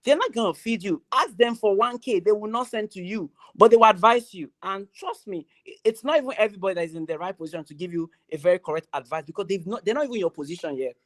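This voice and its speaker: Speaking with a Nigerian accent, this young adult gives a graduation motivational address that is loud, emphatic and full of repeated key phrases. The medium-pitched delivery is expressive and quick, with few pauses.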